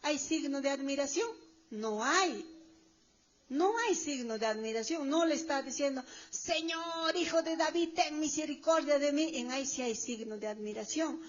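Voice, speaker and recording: High-voiced woman preaching a sermon. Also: expressive. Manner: emphatic, drawn-out exclamations, addresses congregation. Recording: dull lo-fi recording.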